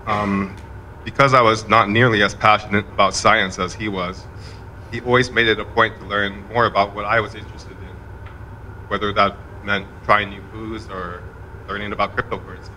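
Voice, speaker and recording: Guy reading a eulogy for his dad, kinda flat delivery, low-ish voice with a bright edge. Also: slight background noise, rough recording. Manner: fairly monotone, measured delivery. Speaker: son giving a eulogy. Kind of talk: memorial eulogy speech. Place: event room at a college campus.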